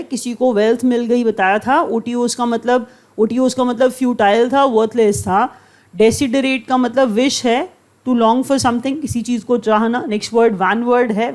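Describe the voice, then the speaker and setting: A woman teaching vocabulary for competitive exams, explaining word meanings in a mix of Hindi and English, repeating each word patiently and reading example sentences slowly. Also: a little high, a little mellow. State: occasional coughing. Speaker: vocabulary teacher for exam preparation. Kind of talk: online vocabulary lecture mixing Hindi and English.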